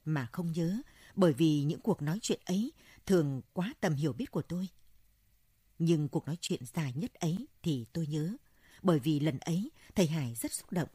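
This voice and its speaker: A woman narrating a story in a steady, unhurried audiobook reading. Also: deep voice, breathy edge, dry recording, studio quality.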